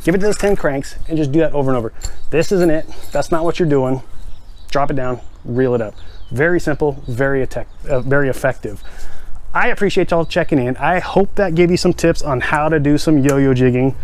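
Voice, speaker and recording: A man in his forties explains a fishing technique outdoors in his backyard, his voice sitting a touch higher than most men's. He talks plainly and energetically, gesturing with a rod and hammering home the same simple steps. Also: brisk. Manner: plainspoken, repeats key steps, counts out loud. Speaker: fishing channel host. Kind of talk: casual how-to demonstration.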